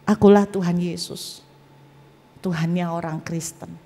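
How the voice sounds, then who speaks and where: A woman putting on a hushed, tender divine male voice. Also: steady tone, measured pace. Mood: solemn. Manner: low, hushed and soft. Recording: long church hall reverb.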